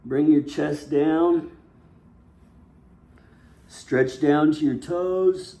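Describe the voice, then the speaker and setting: A man's voice: on the high side, extremely slow, dark tone. Casual man leading a seated workout. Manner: casual and candid, with many "you know"s. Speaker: seated fitness instructor. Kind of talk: guided workout instruction. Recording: roomy with faint noise.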